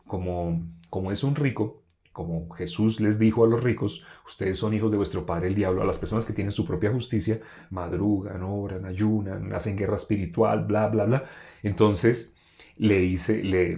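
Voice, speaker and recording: Man, preacher, low voice, animated testimony storytelling, sermon style. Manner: animated storytelling, loudly quotes a shouting man.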